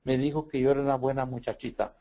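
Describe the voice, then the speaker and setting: A man's voice: medium pitch, little pitch movement, warm tone, pitched above the performer's own voice, close to an everyday voice. An older man voicing a curious, chatty six-year-old girl who keeps firing questions. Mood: delighted. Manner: eager rapid questioning.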